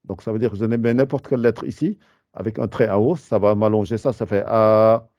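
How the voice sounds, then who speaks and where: A man explaining a beginner's lesson in a patient, halting way, with frequent fillers and restarts. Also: lowish voice, steady tone, no echo, highs cut off. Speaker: Arabic teacher.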